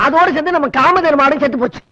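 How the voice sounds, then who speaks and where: An actor playing a naive, bumbling young village man in a film comedy, blurting things out bluntly and deadpan. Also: very high voice, very fast, no room sound. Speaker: comic lead in a film. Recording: dull old film soundtrack, faint music.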